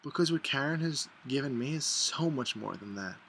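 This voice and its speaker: A man talking casually and warmly to camera about his best friend, filling his talk with "like" and playing out what friends say. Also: animated, normal speed, gravelly, a little hiss or hum. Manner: chatty, lots of "like", mimics friends in higher voices. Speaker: vlogger. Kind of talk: casual heartfelt vlog.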